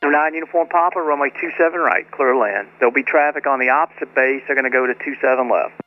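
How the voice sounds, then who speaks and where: A man working as an air traffic controller, giving clipped, businesslike instructions to pilots over a two-way aviation radio. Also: medium pitch. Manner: brisk, businesslike, routine phrasing. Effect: two-way aviation radio transmission. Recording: muffled radio audio with faint hiss.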